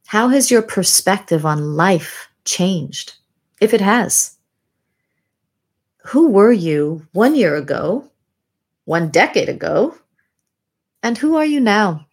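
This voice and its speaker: A woman hosting a podcast, reading a scripted monologue in a measured, deliberate way with reflective pauses. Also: mid-range voice, husky. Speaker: podcast host. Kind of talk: scripted narration, year-in-review monologue.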